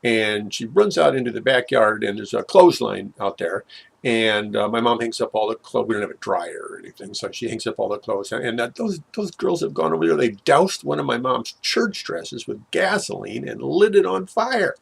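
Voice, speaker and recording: An older man telling a personal story in a halting way, with many fillers and restarts, his voice dropping low at grim moments. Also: animated. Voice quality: gravelly, husky voice.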